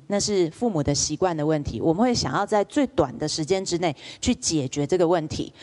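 A woman lecturer, telling stories in a public lecture and asking the audience questions. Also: lowish voice. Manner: lively storyteller, asks the audience rhetorical questions.

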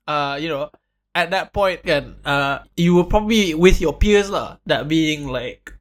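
A man's voice: a little high, unhurried. A young Malaysian man hosting a casual interview, mixing Malay and English slang. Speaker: host.

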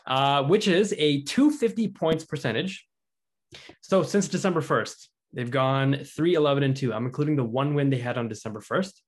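A man's voice: mid-range voice, moderate pace, slightly rough. A man hosting a casual sports podcast, chatting loosely and rattling off stats. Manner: chatty, reads out stats and quotes. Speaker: podcast host.

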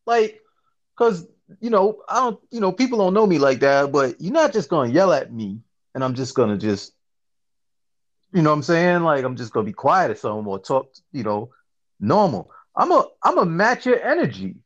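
A man hosts a casual podcast, talking in a fairly high voice. He tells his stories in an animated, slangy way and keeps checking in with his listener. The audio sounds dull and lo-fi. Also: normal speed. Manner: animated storytelling, slangy, frequent "you see what I'm saying". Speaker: podcast host. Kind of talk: casual chat.

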